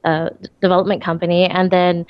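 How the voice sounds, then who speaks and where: A woman's voice: fairly low pitch, completely flat delivery, fast talker, dry recording. A woman calling into a radio show, chatting casually with a giggle and lots of fillers. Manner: giggly, rambling with many fillers. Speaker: caller. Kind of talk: casual chat on a phone-in. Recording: dull lo-fi call line.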